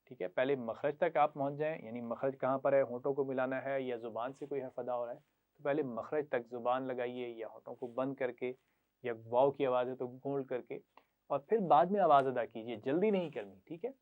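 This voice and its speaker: A man teaching children Quran reading, patiently sounding out syllables for them to repeat and praising them often. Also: medium pitch. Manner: patient, repeats syllables slowly for pupils to echo; frequent praise. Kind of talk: classroom lesson to children. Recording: tinny phone-like sound.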